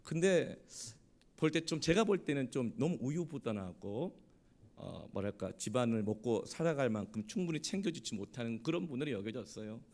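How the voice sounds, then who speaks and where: A middle-aged man preaching a sermon, telling a personal story, moving from hushed tones to loud, emotional bursts. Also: medium pitch, animated, normal speed. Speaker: pastor.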